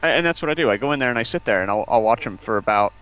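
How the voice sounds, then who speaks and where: A man with a medium-pitched, slightly bright voice speaks at a racing clip with lively intonation, and the audio is poor. He's a community outreach representative appearing as a guest on a stream, chatting casually about game streaming. He explains things at length in an enthusiastic, rambling way.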